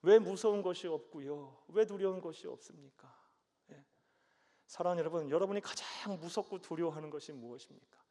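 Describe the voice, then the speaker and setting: Korean pastor preaching in a reverberant church. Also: male voice, a little high, a little fast, warm tone. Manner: asks the congregation questions, affirming "예" often. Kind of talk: sermon. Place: church sanctuary. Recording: long reverb of a church hall.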